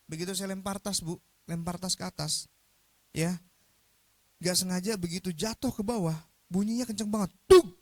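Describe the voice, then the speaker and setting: A young man giving a motivational talk, telling a story in an animated, jokey way and often putting questions to his audience. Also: high voice, moderate pace, long pauses, dry recording. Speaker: motivational speaker.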